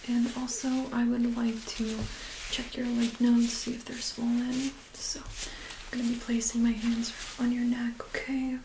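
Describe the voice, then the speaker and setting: A woman doing a soft, breathy ASMR role-play of a medical exam, with a gentle, calm, reassuring nurse-like manner. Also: fairly high pitch, measured pace, noisy background. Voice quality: soft, breathy, often soft-spoken. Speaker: ASMR performer playing a medical examiner.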